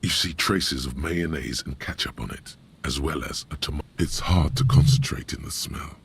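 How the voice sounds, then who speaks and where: A man's voice: normal speed, a little hiss or hum. A man voicing a brooding inner-voice narrator for a detective game, wry and ominous in manner. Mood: observant. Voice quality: deep gravelly voice. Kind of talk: game voice acting.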